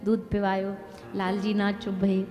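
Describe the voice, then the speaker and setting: A woman with a Braj accent narrating a devotional story in a lively, conversational way. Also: medium pitch, unhurried, muffled recording. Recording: long hall reverb, faint music.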